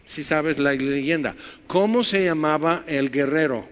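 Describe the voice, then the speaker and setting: Mexican pastor, fairly high voice, sermon in a reverberant church, slightly muffled audio. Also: male voice, a little slow, a bit bright. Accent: Mexican Spanish. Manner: conversational, rhetorical questions, wry asides. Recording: muffled with long hall reverb.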